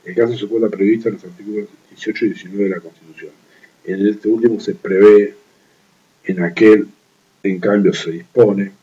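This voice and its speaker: A man with a fairly low, mellow voice reads a legal writing manual aloud at a steady, methodical normal speed. He restarts words he stumbles on and adds brief offhand asides. The recording is dull and lo-fi.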